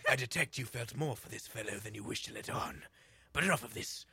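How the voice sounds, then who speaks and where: A man voicing a hulking male barbarian warrior in a low, gruff growl. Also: brisk, bright, forceful tone, dry recording, full character voice. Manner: low, growling, mock-stern.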